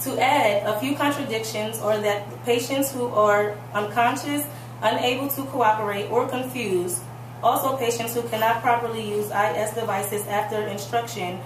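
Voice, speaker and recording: A woman giving a formal, scripted instructional explanation as if reciting it. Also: on the high side. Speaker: presenter. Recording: distant mic, echoey room, clear noise.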